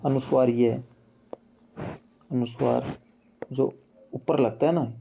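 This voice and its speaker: A man teaching Hindi grammar in a casual online lesson, explaining slowly and repeating examples as he addresses viewers as friends. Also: mid-range voice, fairly even intonation, vocal fry, dull audio, a little hiss or hum. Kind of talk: casual screen-share lesson.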